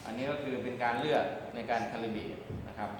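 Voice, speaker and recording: A man's voice: mid-range voice, steady tone, brisk. Man teaching in a very echoey room. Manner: step-by-step explaining with frequent polite particles. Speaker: radio communications instructor. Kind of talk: hands-on demonstration lesson. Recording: very echoey room, background noise.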